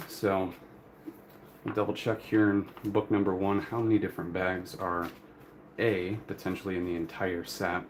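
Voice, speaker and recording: Deep voiced guy chatting on a livestream while he builds stuff, kinda mumbly and apologetic, crinkly plastic noise behind him. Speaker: live stream host. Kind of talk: casual unscripted live stream commentary while building. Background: crinkling bags and paper rustle.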